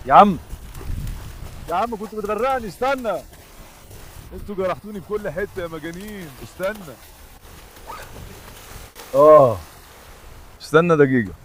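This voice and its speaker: An Egyptian man talks quickly in a high voice, chatting through a vlog as he coaxes his dogs at the seashore. He speaks into a handheld microphone outdoors, with a faint hiss of noise behind him. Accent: Egyptian Arabic. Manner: calls out eagerly and affectionately to his dogs.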